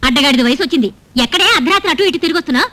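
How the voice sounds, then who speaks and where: A woman's voice: sits high, lively intonation, rapid-fire, bright, forceful tone. A woman playing a gullible, doting widowed mother in a comic film, talking in a melodramatic, fussing way. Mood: scolding. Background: film score music.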